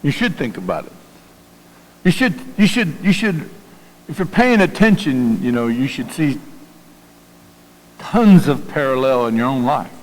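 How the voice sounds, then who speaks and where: A man's voice: mid-range voice, sing-song, a little slow, pauses often, darkish tone. A man with a Southern US accent preaching a sermon in a conversational way, often repeating words and putting questions to his congregation. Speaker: pastor. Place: church sanctuary. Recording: long hall reverb in a church.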